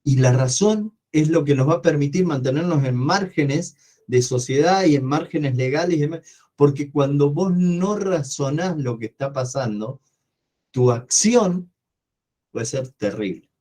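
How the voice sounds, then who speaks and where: A man with an Argentine accent teaching an online coaching class, talking loudly and energetically and putting questions to the class that he answers himself. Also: on the high side, unhurried. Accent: Argentine Spanish. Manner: loud, energetic way of speaking. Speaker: coaching course instructor.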